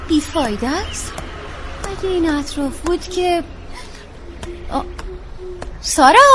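A kindly, teasing woman scolds and coaxes in a very high voice. Faint hiss runs under her. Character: teasing, kindly woman coaxing a sulky girl.

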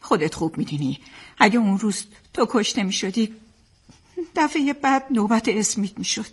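A woman's voice: mid-range voice, big pitch swings, slightly rough. An actress playing a loving wife and mother who soothes and firmly reassures her troubled husband, in a dubbed drama. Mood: comforting. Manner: soothing, firm. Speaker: dubbing actor.

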